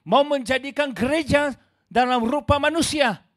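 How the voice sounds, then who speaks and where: A man preaches emphatically at normal speed, swinging between loud exclamations and low asides. He calls his listeners brothers and sisters, using the word "saudaraku".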